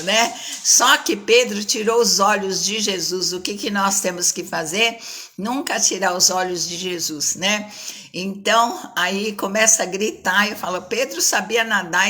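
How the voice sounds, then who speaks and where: A woman's voice: medium pitch, bright, forceful tone. A woman giving a conversational sermon, ending many phrases with a questioning tag. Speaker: preacher.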